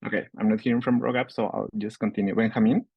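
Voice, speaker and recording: A man's voice: fairly low pitch, steady tone, quick pace, creaky, slightly rough, no echo, highs cut off. A man with a Chilean accent moderating a panel discussion, hesitating often with ums. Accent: Chilean Spanish.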